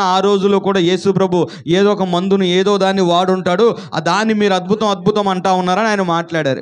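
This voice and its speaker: A man preaching a sermon, asking the congregation rhetorical questions and calling for responses. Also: fairly high pitch. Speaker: pastor.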